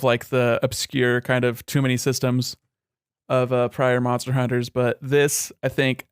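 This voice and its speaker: A man co-hosting a casual gaming podcast, eager and quick as he runs through his picks. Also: medium pitch, clean tone, dry recording, studio quality. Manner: eager, quick, running commentary. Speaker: podcast co-host.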